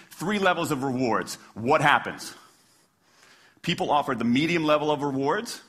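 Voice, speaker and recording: A man's voice: on the high side, a bit bright. An American man giving a persuasive stage talk like a passionate closing argument, with emphatic rhetorical questions and punchy short phrases. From Washington, D.C., United States. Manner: passionate closing argument, like a lawyer addressing a jury. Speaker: public speaker, former lawyer.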